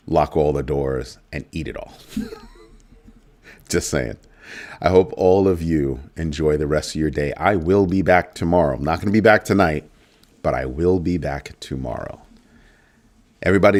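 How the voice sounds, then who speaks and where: Hosting a relaxed livestream about crypto, this middle-aged man from the United States chats informally with his audience in a very deep, low voice, circling back to the same phrases and adding playful side comments.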